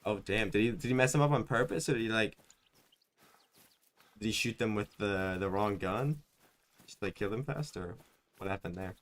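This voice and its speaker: Streaming a hunting game, a young man talks casually with his viewers at a normal speed, his voice on the low side and broken by frequent pauses. His rambling, self-mocking chatter is full of "like" and "dude."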